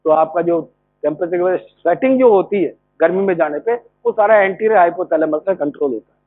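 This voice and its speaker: Man, measured classroom explainer with a high voice; dry, tinny phone-quality audio. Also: no room sound. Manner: explanatory, poses rhetorical questions and answers them. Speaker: medical college lecturer. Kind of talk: classroom lecture.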